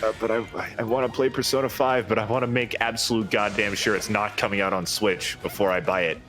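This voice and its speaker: Male gamer, very low but forceful voice, blunt enthusiastic sweary chat, faint music behind. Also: fairly even intonation, fast. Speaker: co-commentator on a game stream. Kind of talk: casual chat about games.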